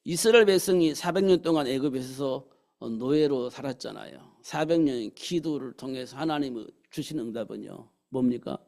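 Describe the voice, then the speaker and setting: A mid-range, gravelly voice with a slightly mellow quality belongs to a pastor preaching at a moderate pace in a church sanctuary. His sermon leans on frequent rhetorical questions to the congregation and acted quotations of God.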